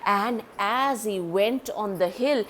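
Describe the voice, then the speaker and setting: A woman reading a children's story aloud, animated and speaking directly to young listeners. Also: mid-range voice, slow pace, a little hiss or hum.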